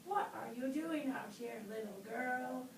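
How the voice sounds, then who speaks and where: Lady doing a sneaky hungry wolf for a puppet show, slow coaxing talk, far from the mic in an echoey room. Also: fairly high pitch, vocal fry. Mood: sly. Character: sly, hungry male wolf feigning politeness in a fairy tale. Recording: distant roomy recording with faint noise.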